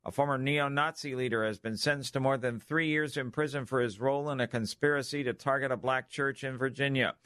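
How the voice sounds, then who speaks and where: A man's voice: medium pitch, fairly even intonation, brisk, hardly any pauses, a bit bright, no echo, studio quality. A man reading scripted news as a radio anchor.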